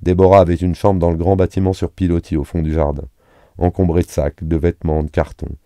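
A man reading a serialized novel aloud in an even, unhurried narration on a close studio mic. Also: low voice, no room sound. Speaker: audiobook reader.

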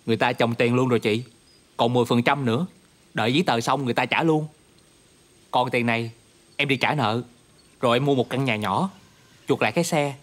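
An actor playing a caring, practical younger brother who speaks earnestly, with a Southern Vietnamese accent. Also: male voice, mid-range voice, brisk, long pauses, natural voice. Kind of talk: TV drama acting.

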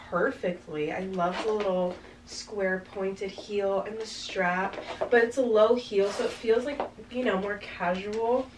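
In her twenties, this fashion vlogger does an upbeat, rambling try-on chat in a small bedroom set up with a backdrop. Her medium-pitched voice has a slight congestion rasp and is full of "like" fillers. She sits far from a camera mic placed a few meters back, which picks up a faint hiss.

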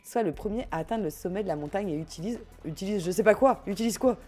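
A young woman streaming a party game, commenting in an excitable, laughing, self-mocking way. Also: mid-range voice, fast talker. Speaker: gaming streamer. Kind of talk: live let's play commentary. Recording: faint game music behind.

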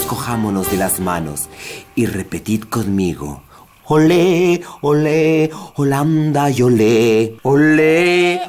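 A woman voicing a vain, theatrical witch in a children's puppet show, chanting incantations like a seance medium. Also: a bass voice.

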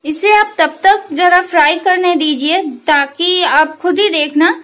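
A woman's voice: very high-pitched, unhurried, a bit bright, low-quality recording. A woman hosting a cooking video from her home kitchen, chatting to viewers as friends while she explains each step. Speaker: cooking channel host. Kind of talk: casual cooking tutorial.

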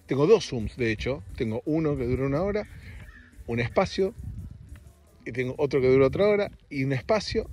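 A man with a Rioplatense Spanish accent and a sleepy-sounding voice, hosting a casual solo podcast in a rambling, jokey, self-mocking way. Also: medium pitch. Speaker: podcast host.

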